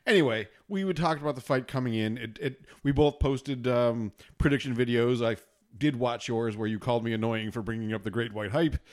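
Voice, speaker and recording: A man of middle pitch co-hosts a laid-back talk show. He rambles along with plenty of ums and uhs and keeps the chat loose. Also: brisk. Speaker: podcast co-host. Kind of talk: casual chat.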